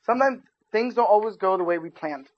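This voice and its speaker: A man giving an informal sermon as a youth pastor, chatting casually with his listeners and adding animated asides. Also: high voice, fairly quick, slight background noise. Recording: dull lo-fi recording.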